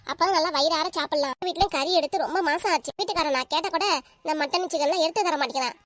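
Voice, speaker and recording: A woman with a southern Tamil Nadu village accent, voicing all the characters of a village comedy cartoon in quick, bright banter. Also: high voice. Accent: southern Tamil Nadu, Kanyakumari-Tirunelveli dialect. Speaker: voice artist for a cartoon.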